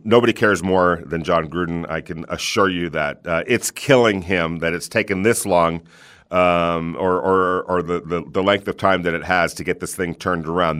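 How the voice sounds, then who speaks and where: A man hosting a sports call-in show, giving unscripted commentary in hesitant, measured phrases with many pauses. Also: low voice, fairly bright tone.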